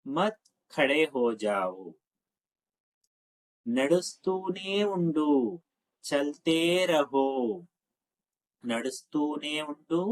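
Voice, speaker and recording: Man slowly drilling Hindi phrases. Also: a little high, poor audio. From Telugu-speaking India. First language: Telugu. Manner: repeats phrases slowly, quick asides in between. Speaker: Hindi teacher. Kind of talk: spoken language lesson, slow drill phrases.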